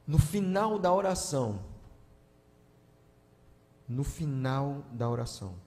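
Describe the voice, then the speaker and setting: A guest pastor, preaching a sermon and telling stories, moving from hushed to loud emotional appeals. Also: male voice, mid-range voice, sing-song, slow pace. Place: large church hall. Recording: long church-hall reverb.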